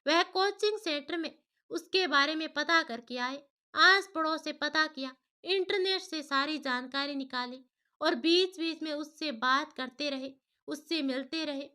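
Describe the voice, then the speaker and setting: A woman narrating a family story in steady, plain first-person telling. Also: high-pitched, measured pace.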